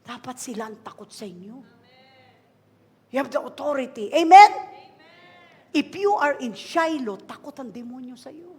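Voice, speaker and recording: Woman pastor, Filipino accent, high-pitched, fiery sermon, echoing church hall. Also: expressive, moderate pace, long pauses, breathy edge. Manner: switches between quiet asides and loud shouted commands. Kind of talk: animated Taglish sermon. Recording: long hall reverb.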